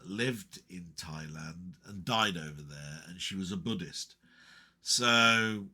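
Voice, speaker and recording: A man's voice: low voice, bright, forceful tone, breathy edge. A middle-aged English man chatting casually and reading out viewer comments, meandering with frequent ums and restarts. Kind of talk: casual rambling chat.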